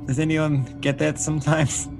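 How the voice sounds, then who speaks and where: A man taking part in a tabletop game, joking and rambling in an animated way. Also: on the high side, moderate pace, gravelly, over music. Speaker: player.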